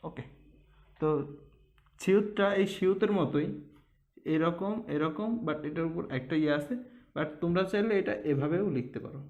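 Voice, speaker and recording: Slow, repetitive male language teacher. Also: fairly high pitch, darkish tone, lo-fi sound. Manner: drills each letter sound over and over, checks in with "okay?". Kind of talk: slow, repetitive Korean alphabet lesson.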